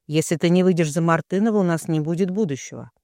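Cold, domineering father, read by a man; flat commands, high voice. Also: quick pace, no echo, studio quality, natural voice.

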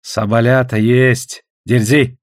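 A man's voice: mid-range voice, little pitch movement, slow pace, no room sound, studio quality, natural voice. A man voicing a young native hunter asking to trade in broken, pidgin-like speech. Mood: eager. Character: young native hunter Aidamba, bold and eager.

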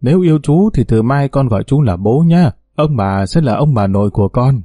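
Doting old grandmother, coaxing , a man voicing her with little change; warm dry read. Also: mid-range voice, lively intonation, brisk, no room sound, close to an everyday voice.

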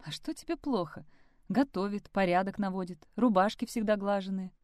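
A woman's voice: mid-range voice, normal speed, a little mellow, no room sound, lightly acted. Woman reading a tense, jealous Italian man in his forties, clipped lines, close and dry. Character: jealous 40-year-old Italian man, mother's boy.

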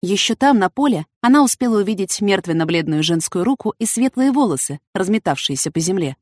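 A woman reading an audiobook with steady storytelling narration. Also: medium pitch, a little fast, dry recording, clean studio sound.

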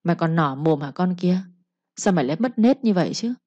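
A woman's voice: on the low side, animated, a little fast, no room sound. A woman doing a furious scolding village father. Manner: shouting scolding, harsh. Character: angry strict village father, middle-aged. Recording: dull lo-fi recording.

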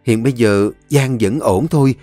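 A man voicing a caring elder sister who speaks in a gentle, coaxing way. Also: medium pitch, normal speed, dry recording, soft background music, close to an everyday voice. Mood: reassuring.

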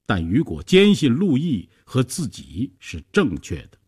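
Husky-voiced male storytelling narrator. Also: mid-range voice, huge pitch swings, measured pace, a little mellow.

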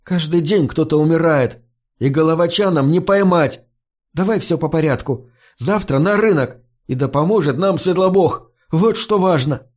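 A man's voice: a little high, normal speed, a little mellow, close to an everyday voice. A man voicing an impatient, nervous teenage boy in an audiobook, his lines urgent and scolding. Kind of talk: audiobook character voice.

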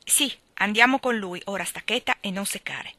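A woman voicing a quick-tempered teenage girl who snaps curtly and scolds loudly, in a storybook reading. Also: mid-range voice, no room sound. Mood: impatient. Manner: curt, scolding and loud.

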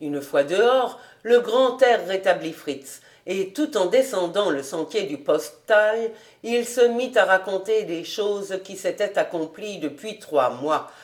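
A woman reading a classic novel aloud as narrator, in a measured, calm storytelling manner. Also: mid-range voice. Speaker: audiobook reader.

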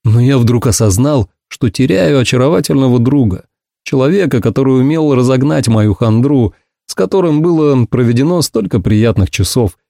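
A man's voice: medium pitch, animated, normal speed, creaky, warm tone, no room sound. A man narrating an audiobook in a dry, ironic manner.

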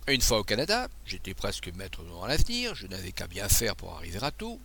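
Man playing a brisk, assured naval officer. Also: on the low side, huge pitch swings, creaky, pushed and bright, slight background noise, heavily acted. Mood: recounting. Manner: assured, teasing, storytelling. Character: confident male naval officer, brisk and teasing. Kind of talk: audiobook dialogue.

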